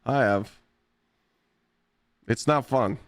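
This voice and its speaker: A man streaming live, telling blunt, profane stories in a casual, animated way. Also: medium pitch, drawn-out words, no echo. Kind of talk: casual storytelling while gaming.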